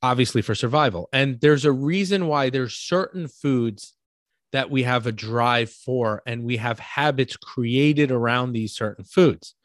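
A man's voice: medium pitch, measured pace, dry recording, clean studio sound. New York man explaining casually. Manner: explains with everyday examples, frequent "right?" check-ins. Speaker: podcast co-host.

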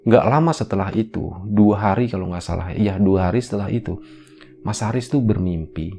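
A man's voice: lowish voice, moderate pace, warm tone, a little hiss or hum. A man hosting a horror podcast, telling a story in casual slang full of fillers.

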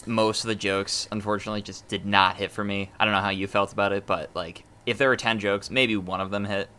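Man, low pitch, bright forceful tone, casual movie chat, hesitant fillers. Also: fairly even intonation, a little fast, clear, resonant tone. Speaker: podcast co-host.

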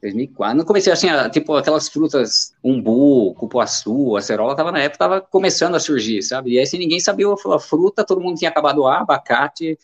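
Fast-talking man in his fifties, rambling. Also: a little high, lively intonation. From Brazil. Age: 50s. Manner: rambling, storytelling, many fillers. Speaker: amateur runner guest. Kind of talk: casual interview chat. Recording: dull lo-fi sound.

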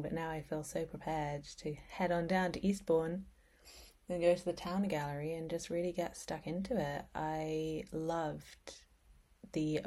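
Low-voiced woman host chatting informally. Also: darkish tone. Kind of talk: casual solo chat to listeners.

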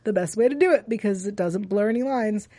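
A woman's voice: mid-range voice, fairly quick, mellow, dry recording. A woman hosting a casual TV after-show, chatting emphatically and repeating her points for effect. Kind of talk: casual TV recap chat.

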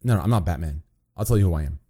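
Young guy streamer, lowish voice, hyped gamer bro talk, slangy and sweary. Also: animated, rapid-fire, dark tone. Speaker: live streamer. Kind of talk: casual livestream banter.

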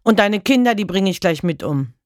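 A woman reading a story aloud and voicing a violent grown man who shouts and bullies his family. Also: medium pitch, expressive, moderate pace, no echo, clean studio sound, close to an everyday voice. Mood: threatening. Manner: shouting, bullying.

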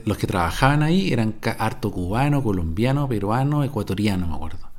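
A middle-aged podcast host from Viña del Mar, with a Chilean Spanish accent, delivers an improvised, rambling monologue that digresses constantly and is full of slang and swearing. His voice is on the low side, expressive, a little fast and a little mellow.

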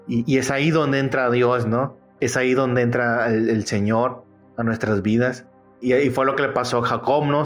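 A man giving a personal faith testimony in an earnest, conversational way, often checking in with his listeners. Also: medium pitch. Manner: earnest, conversational, frequent tag questions.

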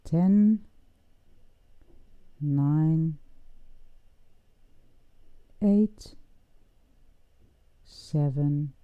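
A woman leading a guided breathing meditation in a soft, soothing, unhurried voice with long pauses. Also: low-pitched. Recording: dull, muffled sound with music underneath. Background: music.

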